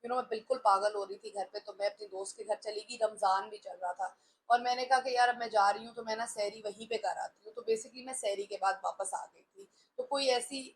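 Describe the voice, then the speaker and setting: A woman's voice: mid-range voice, brisk, slight background noise, rough recording. A woman in her forties talking candidly about her own life, mixing English phrases into her Hindustani speech. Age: 40s. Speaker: talk show host. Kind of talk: personal reflective talk.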